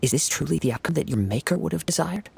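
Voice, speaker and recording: Kazuha, a composed young wandering samurai. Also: male voice, a little high, animated, fast talker, vocal fry, darkish tone, a little hiss or hum. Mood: stern, reproving. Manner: composed, earnest, formal, philosophical. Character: calm, perceptive young wandering male samurai. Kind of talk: video game voice acting.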